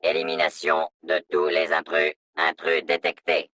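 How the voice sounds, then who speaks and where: An actor voicing a stern male security robot in a video game, through a robotic voice filter, in a flat, monotone, announcement-like delivery. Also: measured pace, no room sound, clean studio sound. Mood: cold, commanding. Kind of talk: video game dub dialogue lines.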